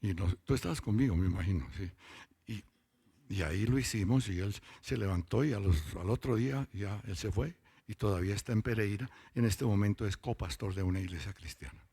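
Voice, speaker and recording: A man preaching a testimony at a church meeting, with a low, gravelly, somewhat husky voice. He talks in a storyteller's way and slows right down on key words for emphasis. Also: dark tone. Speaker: lay preacher giving testimony. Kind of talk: testimony sermon.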